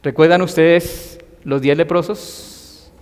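A man delivers an emphatic sermon, his voice sitting somewhat high for a man. He presses his points with rising force and calls out loudly at times. A long reverb trails behind every phrase. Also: fairly even intonation, takes it slowly. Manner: emphatic, rising to loud acted cries for quoted voices. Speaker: preacher.

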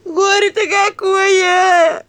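A woman's voice: very high-pitched, steady tone, drawn-out words, fairly bright tone, no room sound, voice pushed up, heavily acted. A woman voicing a distraught peasant mother who wails and sobs. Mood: wailing. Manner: wailing, sobbing.

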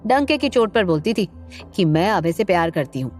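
A woman voicing a stern middle-aged father who speaks in a low, weighty, accusing way. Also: animated, normal speed, a little mellow, soft background music, natural voice.

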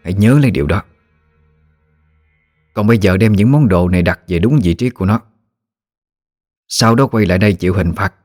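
Commanding elderly matriarch, read by a man in his own low voice, measured and unhurried. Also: dry recording, clean studio sound, soft background music. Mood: stern commanding. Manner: slow, calm, authoritative. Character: stern elderly grandmother, family matriarch.

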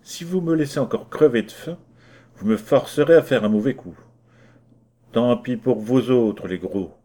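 A man's voice: medium pitch, big pitch swings, moderate pace, warm tone, voice pushed up, close to an everyday voice. A man voicing a poor, stubborn young carpenter in a storybook reading, answering bluntly and resolutely.

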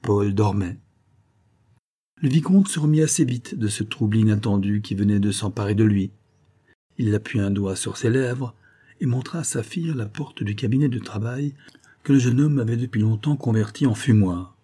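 A man reading a nineteenth-century novel aloud in measured scripted narration. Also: on the low side, warm tone, breathy edge. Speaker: audiobook reader.

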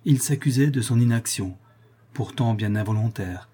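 Brief: male audiobook narrator, mellow dark tone, slightly husky, measured delivery. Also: mid-range voice. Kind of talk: scripted narration of a classic novel.

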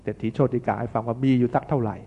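A Buddhist monk preaches a storytelling sermon in a chatty, folksy manner full of asides. His mid-pitched male voice comes through a narrow, phone-like sound. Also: steady tone, rapid-fire, slight background noise.

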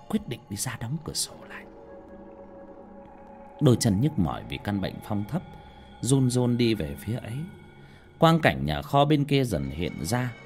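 A man narrating a scripted horror story in a dramatic, expressive manner. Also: on the low side.

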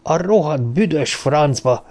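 A man's voice: on the high side, expressive, a little mellow, pitched above the performer's own voice, close to an everyday voice. A man voicing a panicked male researcher who curses and loses his composure. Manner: cursing, agitated.

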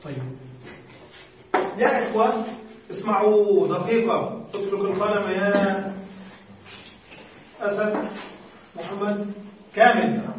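Male teacher, high voice, patient quiz-style lesson, distant mic in a very reverberant room. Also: muffled recording, a little hiss or hum. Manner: patient, quizzes students and repeats answers. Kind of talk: classroom grammar lesson. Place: classroom.

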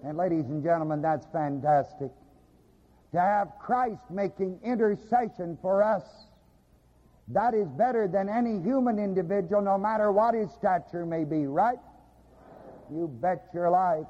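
Preaching a little slowly in a high-sitting voice, this man keeps stopping to let the congregation fill in the ends of his sentences. "You bet your life" comes up again and again, captured on a lo-fi recording with a long hall reverb.

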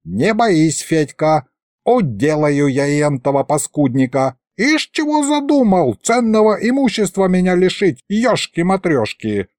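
A man's voice: a little high, animated, measured pace, no room sound, clean studio sound. Man putting on a cranky old ghost wizard. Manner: cranky, shouting, folksy old sayings. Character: grumpy old male ghost wizard, quarrelsome.

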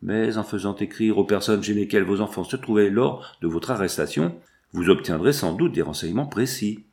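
A man voicing a calm, formal male asylum doctor who answers in a measured, matter-of-fact way. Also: on the low side, close to an everyday voice.

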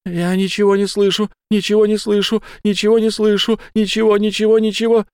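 A hysterical young woman in an audiobook, wailing over and over in a raised, high voice, as a male narrator puts her on. The voice stays smooth and resonant in a dry, close recording. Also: little pitch movement, a little fast, a little mellow, no echo. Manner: wailing repetitions. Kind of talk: audiobook character voice.

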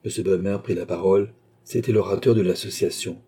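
Husky, dark-voiced male audiobook narrator. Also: deep voice, steady tone, fairly quick. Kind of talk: scripted novel narration.

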